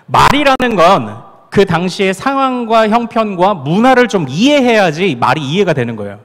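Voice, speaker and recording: A man's voice: high-pitched, big pitch swings, normal speed, fairly bright tone. A male pastor with a Gyeongsang accent preaching at a family prayer meeting, playful and acting out dialect lines. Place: church sanctuary. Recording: long hall reverb.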